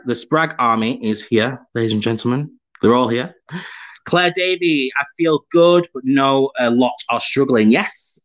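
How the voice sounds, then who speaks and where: A man's voice: medium pitch, fairly bright tone. A man from the UK hosting a live-streamed podcast, chatting upbeat and laughing often as he reads out viewer comments. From United Kingdom. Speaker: podcast host. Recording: slightly dull lo-fi sound.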